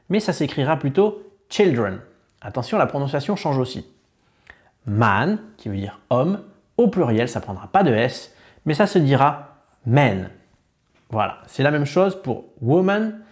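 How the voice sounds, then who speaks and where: A young man with a French accent teaching a beginner language lesson, saying words slowly and clearly so learners can copy them. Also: mid-range voice, darkish tone. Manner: slow, careful model pronunciation of words. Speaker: English teacher.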